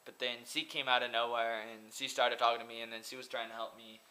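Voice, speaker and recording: Fast and sharp, with a flat mid-range delivery, a twenty-something American from Oregon delivers a casual to-camera monologue in a small room, recorded close up on a laptop webcam. The vlogger and English teacher is earnest but rambling, saying "like" a lot and going over the same points.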